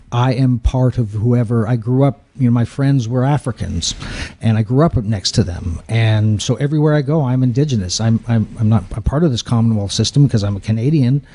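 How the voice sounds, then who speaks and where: A man with a warm, mellow voice shares a reflective story on a podcast. He speaks in a musing, gently preachy way. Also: mid-range voice. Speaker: podcast co-host. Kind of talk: casual chat.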